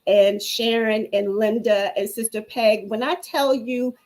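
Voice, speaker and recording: A woman's voice: a little high, fairly even intonation, measured pace, darkish tone, rough recording. A woman guest on a talk show telling her own story in an earnest, preacherly way. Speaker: guest speaker. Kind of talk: personal testimony on a talk show.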